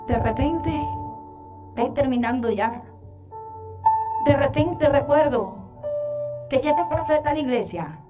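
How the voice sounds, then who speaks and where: Very high-voiced woman giving a church testimony. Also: lively intonation. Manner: heartfelt, storytelling with long pauses. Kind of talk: personal testimony from the pulpit. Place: church sanctuary. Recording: distant church mic with soft music. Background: soft music.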